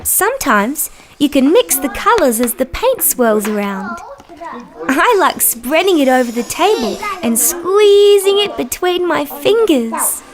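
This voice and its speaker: Dorothy the Dinosaur, very high and bouncy. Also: female voice, very animated. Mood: playful, gentle. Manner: sing-song, slow, simple, wonder-filled explaining to small children. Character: cheerful young female dinosaur, gentle children's presenter. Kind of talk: children's show scripted narration.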